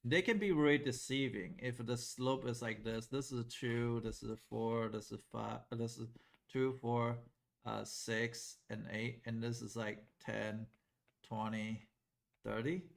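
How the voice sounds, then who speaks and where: A middle-aged man from Taiwan teaching a math class in a classroom, lively and asking the class questions. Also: mid-range voice, unhurried, creaky. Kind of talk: classroom lecture at a whiteboard.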